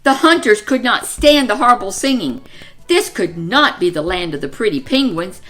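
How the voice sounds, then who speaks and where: A woman reading a children's picture book aloud as a storyteller, with expressive, deliberate, dramatic phrasing. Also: mid-range voice, faint music behind.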